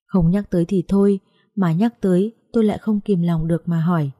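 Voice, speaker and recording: A woman reading a ghost story aloud in a steady, measured storytelling voice. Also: on the low side. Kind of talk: scripted narration of a ghost story.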